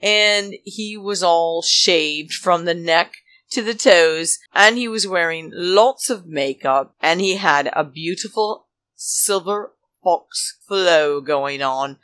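A woman's voice: fairly low pitch, takes it slowly, a bit bright, no room sound. A woman hosting a solo recap podcast with a campy, theatrical drag-queen manner and sassy, emphatic, indignant commentary. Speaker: podcast host.

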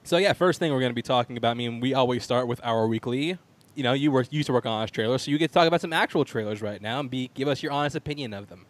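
A man's voice: mid-range voice, rapid-fire. A man hosting a casual entertainment talk show, introducing and chatting in an informal way. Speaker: podcast host.

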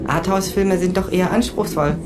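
A man's voice: sits high, fairly even intonation, fairly quick, over music, voice pushed up, natural voice. A chatty, naive young woman student, as a man puts her on in a comic audiobook, chirpy and curious. The voice is pushed well above the performer's own register.

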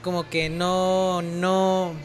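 Low-voiced young woman co-host. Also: drawn-out words. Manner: relaxed, gives short agreeing replies. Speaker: podcast co-host. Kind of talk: casual chat.

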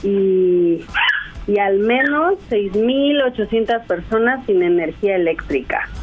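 A woman from Mexico speaks as a guest on a radio interview, laying out facts in a measured, even way with a few fillers. Her voice comes through a dull, lo-fi line. Faint music plays underneath. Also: medium pitch. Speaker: guest journalist.

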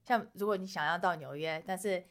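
A woman's voice: fairly low pitch, brisk, fairly bright tone. A woman host, interviewing guests and slipping English words into her questions. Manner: code-switches with English words.

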